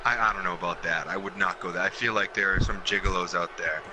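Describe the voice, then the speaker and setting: A young man doing color commentary on a video game, rambling in an animated way and laughing easily. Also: deep voice, fast talker. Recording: audible background noise.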